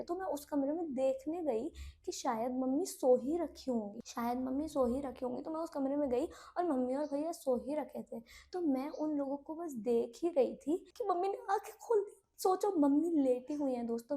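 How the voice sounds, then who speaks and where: A young woman telling a personal story in a casual, animated way, often turning to talk straight to her viewers. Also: high-pitched. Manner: animated, addresses viewers as friends. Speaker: YouTuber.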